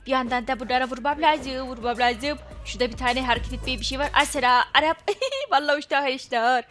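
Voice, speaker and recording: A woman's voice: sits high, quick pace, a bit bright, faint music behind. A woman commentating her own gameplay as a channel host, exclaiming, laughing and repeating her phrases.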